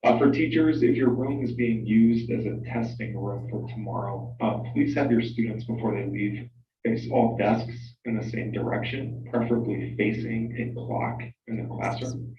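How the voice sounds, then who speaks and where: A man's voice: lowish voice, fairly even intonation, moderate pace, slight background noise. A man from the school staff making announcements over the school intercom in a plain, informative way. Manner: plain, informative, with occasional fillers. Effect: school intercom loudspeaker. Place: classroom. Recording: roomy, muffled loudspeaker heard from far off.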